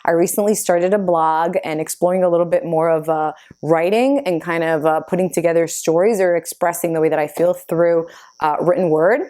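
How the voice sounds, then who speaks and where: Answering get-to-know-me questions she set herself, this Argentine woman in her thirties, whose first language is Spanish, chats casually with plenty of fillers for her YouTube channel. She speaks a little fast in a low, steady, mellow voice.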